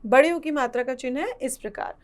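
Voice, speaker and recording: A woman teaching a children's lesson, slow and patient, repeating syllables aloud. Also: sits high.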